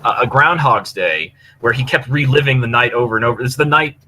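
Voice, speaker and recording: Speaking a little fast in a medium-pitched, sharp-toned voice, a man co-hosts a podcast and eagerly rambles through a casual review of stories. He uses a computer mic on push-to-talk online voice chat, with clear background noise.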